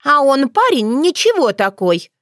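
A brash, quarrelsome young village girl from an audiobook fairy tale, as a woman narrator puts her on. Her voice is pushed high and loud, with wide, jumpy swings and a shrill, indignant edge. The sound is close and dry. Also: sing-song, unhurried, dry recording, heavily acted. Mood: coy.

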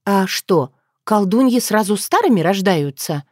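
A woman's voice: medium pitch, slow pace, dry recording, clean studio sound, voice pushed up. Woman voicing a wry young witch. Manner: calm, mildly mocking.

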